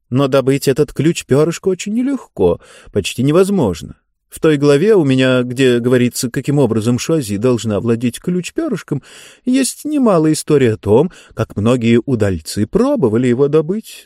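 A chatty talking book with a knowing, confiding way of speaking, as a man reads her lines. The voice is raised above his own and swings widely in pitch. It is warm and mellow, and recorded close and dry. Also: no echo, natural voice. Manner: lively, confiding storyteller tone. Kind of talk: audiobook character voice.

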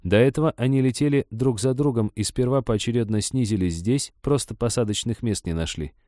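A man's voice: mid-range voice, brisk, warm tone, no echo, clean studio sound, natural voice. A man voicing an eager, helpful male cyborg who talks in stiff, report-like machine phrasing in an audiobook story. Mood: deadpan eager.

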